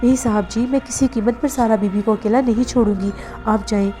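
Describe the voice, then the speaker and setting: A woman's voice: on the high side, steady tone, warm tone, faint music behind, natural voice. A woman reading the lines of a loyal, soothing older maidservant in a horror story. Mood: devoted. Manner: devoted, soothing.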